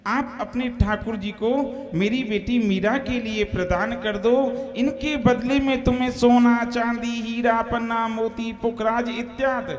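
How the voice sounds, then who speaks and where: A man playing a gentle mother who soothes her daughter and speaks respectfully to a saint, in a folk stage play. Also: extremely high pitch, steady tone, measured pace. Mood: soothing. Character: gentle mother of a young girl.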